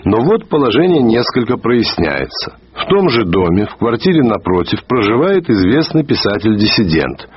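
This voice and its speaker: Man, husky, expressive read of a critical essay, measured, leans on key words; dry, muffled archive radio tape. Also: on the low side. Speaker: writer reading a literary review. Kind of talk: read literary commentary. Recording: dull lo-fi archive radio recording.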